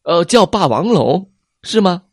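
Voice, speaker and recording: A man voicing a gentle, kind male sea reptile who speaks eagerly and warmly. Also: sits high, big pitch swings, unhurried, slightly rough, no room sound, clean studio sound, voice pushed up, exaggerated voice. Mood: friendly.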